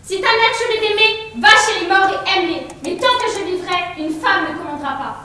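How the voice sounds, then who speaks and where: A woman's voice: very high-pitched, a little fast, sharp tone, slight background noise. A young woman playing a stern, unyielding male tyrant king in an amateur stage Greek tragedy, declaiming imperiously. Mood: stern, accusing. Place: large indoor theatre, far camera. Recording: very echoey theatre hall, distant mic.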